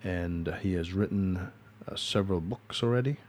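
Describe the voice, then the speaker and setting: Filipino man, podcast host, lowish voice, formal measured delivery, faint noise behind. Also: darkish tone. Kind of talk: interview podcast.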